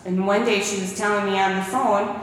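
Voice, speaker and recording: A woman's testimony talk in church comes across in a medium-pitched, fairly quick voice with fairly even intonation. She tells warm stories and quotes scripture, and the echoey hall is captured from afar with slight background noise.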